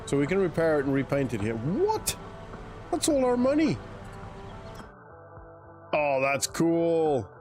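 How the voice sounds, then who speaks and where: His pitch swoops wildly from a slightly high base as this South African man streams a game, speaking slowly with frequent pauses in a darkish tone. Faint music plays behind his casual chat, where he thinks aloud and answers viewers in an accent mixing South African and British.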